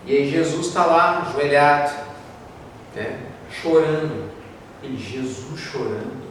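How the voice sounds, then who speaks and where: A man from Brazil with a Brazilian Portuguese accent, giving a spiritist talk as a lively storyteller in a large lecture hall. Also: a little high, slow pace. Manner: lively storyteller, acts out quoted voices. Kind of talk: spiritist talk with told stories. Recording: echoey hall, distant mic, faint noise.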